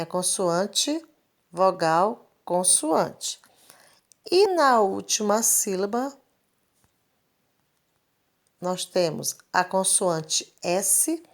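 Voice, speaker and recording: Woman teacher, unhurried screen-recorded lesson, repeats each point patiently, mid-pitched voice. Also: expressive. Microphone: screen recording, device mic.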